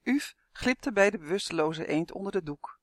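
A woman reading a children's story aloud in a lively, expressive way. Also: medium pitch, moderate pace, no room sound, studio quality. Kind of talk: storybook narration.

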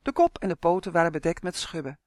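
An audiobook reader calmly narrating a children's story. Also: medium pitch, quick pace, no echo, studio quality. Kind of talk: scripted narration.

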